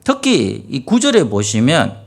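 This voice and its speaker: Gravelly-voiced pastor preaching. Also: male voice, mid-range voice, a little slow. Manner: vivid, animated storytelling with rhetorical questions. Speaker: senior pastor. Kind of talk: early-morning prayer sermon.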